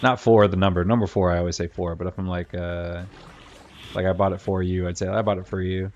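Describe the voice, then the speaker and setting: In a low, flat, slightly mellow voice and at a somewhat fast clip, a middle-aged man with a Virginian accent chats casually while streaming a game. He thinks aloud, wanders, and corrects himself. The recording comes from a desk mic, dull and lo-fi, with game music in the background.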